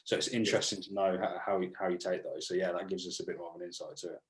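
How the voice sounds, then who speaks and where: A man's voice: sits low, steady tone, rapid-fire. A man hosting a casual interview, asking long, eager, rambling questions and restarting often. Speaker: podcast host. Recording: roomy echo.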